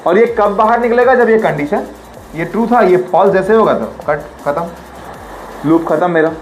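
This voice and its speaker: सवाल दोहराता हुआ हिंदी-अंग्रेज़ी शिक्षक. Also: male voice, high-pitched, normal speed, darkish tone, faint music behind, rough recording. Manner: quizzing, repeats questions, drills pronunciation. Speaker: teacher. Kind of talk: classroom lecture.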